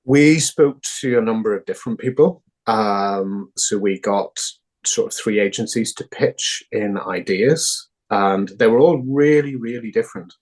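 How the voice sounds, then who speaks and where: A man's voice: lowish voice, measured pace, darkish tone. A man with a Northern Irish accent, a founding director answering interview questions thoughtfully, with hesitant fillers. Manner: thoughtful, many fillers and restarts.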